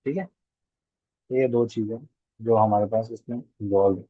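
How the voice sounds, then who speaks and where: Male chemistry teacher, slow and repetitive, checks in with the class; husky tone, dull lo-fi sound. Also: fairly low pitch, steady tone, no echo. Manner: slow, repeats key phrases, asks class checking questions. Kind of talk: classroom lecture mixing Hindi and English.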